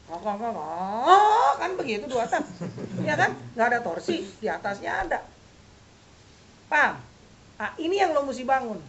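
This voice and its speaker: Blunt, animated riding coach. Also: male voice, very high voice, slight background noise. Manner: blunt, animated, quizzes listeners with rapid questions. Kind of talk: lively coaching talk to a group of riders.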